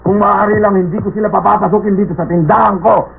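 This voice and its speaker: Mr. Hobbs, a high-voiced grumpy grocer. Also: male voice, a little fast, a little hiss or hum. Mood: indignant. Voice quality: blustering, scornful, clears throat. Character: grumpy middle-aged male grocer who scorns nobles. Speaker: shopkeeper. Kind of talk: Tagalog cartoon dub. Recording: tinny lo-fi dub with faint music.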